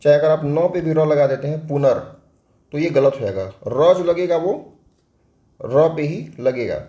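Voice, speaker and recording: A man's voice: fairly high pitch, unhurried, dark tone. Man teaching spelling in a roomy echo. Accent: Hindi. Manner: explains step by step, asks and answers own questions. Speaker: exam-prep teacher. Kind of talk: spelling lesson for exam prep.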